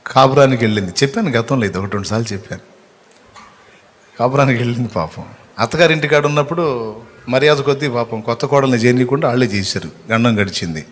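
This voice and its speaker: A man's voice: medium pitch, fast, slight background noise. A man preaching a devotional sermon, telling a story with pity and acting out the people in it. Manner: tells a parable with pity, acting out quoted voices.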